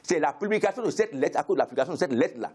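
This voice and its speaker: A man's voice: fairly high pitch, lively intonation, very fast, darkish tone, husky. A man, arguing insistently as a political guest in a heated debate, repeating himself and stumbling over words. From Benin.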